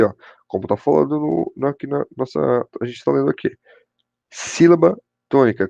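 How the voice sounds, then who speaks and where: With a Brazilian Portuguese accent, a man teaches an online English grammar class in a creaky, dark, mid-range voice. He keeps saying "show de bola" and "pessoal" and checks in with his students often. The recording is muffled, with no room sound.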